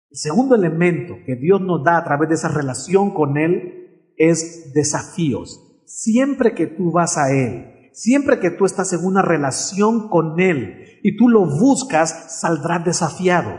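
A man's voice: on the high side, darkish tone. A man preaching a sermon in an earnest way, often asking his listeners questions.

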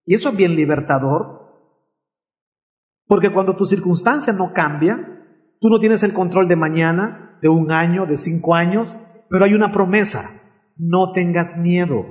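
Man preaching, high voice, earnest, keeps asking the congregation questions. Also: normal speed. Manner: earnest, with repeated rhetorical questions to listeners. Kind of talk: sermon.

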